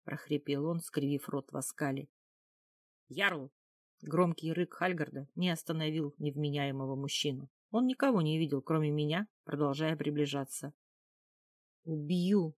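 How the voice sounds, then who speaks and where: A woman's voice: sits low, fairly quick, hardly any pauses, a little mellow, no echo, clean studio sound. A woman narrating a first-person audiobook with a tense, dramatic reading.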